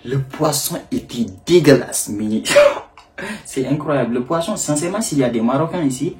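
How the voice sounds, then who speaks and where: Young guy from senegal telling a story on camera, chill mellow voice, laughs a lot and acts out the other people. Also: mid-range voice, lively intonation, normal speed. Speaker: vlogger. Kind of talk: casual storytelling.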